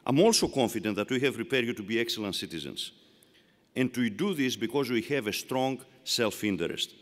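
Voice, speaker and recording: Long reverb fills the large arena where this older Greek-accented man delivers an emphatic, rhetorical commencement speech. His voice is mid-range and brisk, and he repeats phrases to make them land.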